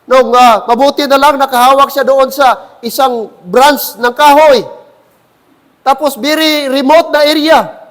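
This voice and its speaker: A man's voice: very high voice, fairly even intonation, measured pace, fairly bright tone, long reverb tail. A man with a Filipino accent preaching a sermon as pastor, switching between Tagalog and English and often calling out to the congregation. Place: church.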